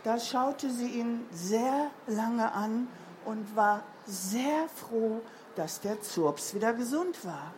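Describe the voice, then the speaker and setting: High, slow storybook-reading woman. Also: a little hiss or hum. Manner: lively, sing-song storybook reading. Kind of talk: reading a picture book aloud.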